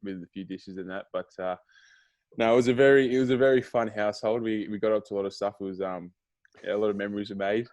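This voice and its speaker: Laid-back young Australian man, low voice. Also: steady tone, fast, a little mellow, no echo, highs cut off. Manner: laid-back, laughs easily. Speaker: guest, footballer. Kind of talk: casual podcast chat.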